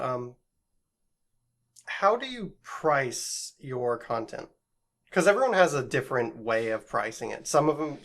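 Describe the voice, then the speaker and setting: A man with a mid-range voice hosts a podcast and asks his guest questions in an easy, relaxed way. He pauses and hesitates with small fillers before he gets to the point. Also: mid-range voice. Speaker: podcast host. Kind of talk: interview questions.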